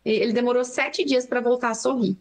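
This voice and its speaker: A young adult Brazilian woman, a pediatrician, recounting a frightening story in an interview with fast, emotional narration. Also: a little high. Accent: Brazilian Portuguese. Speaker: pediatrician guest.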